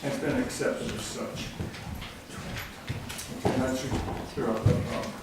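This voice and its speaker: An older man speaks at a council podium, earnest and patriotic, slipping in a joke now and then. His voice sits at an ordinary middle pitch. It is caught from some distance in a very echoey chamber. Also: fairly even intonation, a little slow. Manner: earnest, patriotic, tells jokes. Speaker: public commenter at city council. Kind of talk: public comment speech. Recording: very echoey room, distant mic, faint noise.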